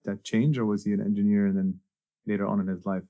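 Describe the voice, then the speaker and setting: A man's voice: lowish voice, level tone, quick pace, dark tone, highs cut off. A man hosting a podcast interview, asking loose, hesitant questions with fillers. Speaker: podcast host. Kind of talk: conversational interviewing.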